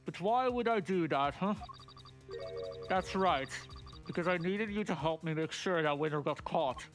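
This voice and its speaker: A man voicing a teasing mystery caller whose voice is disguised with a deep, pitch-shifted voice changer. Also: expressive, normal speed, music in the background. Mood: smug. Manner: smug, teasing. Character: mocking mystery caller hiding behind a voice changer. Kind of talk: voicing a game character.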